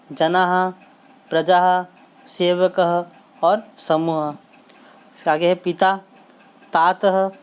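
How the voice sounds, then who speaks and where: A man teaching as he reads out lists of words slowly and deliberately, one by one, pausing between each. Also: high voice, darkish tone, clear, resonant tone, dull audio. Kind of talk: slow lesson reading word lists.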